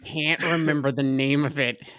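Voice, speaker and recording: A man chatting casually and excitably as a contestant in a quiz. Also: fairly high pitch, normal speed, smooth, dry recording.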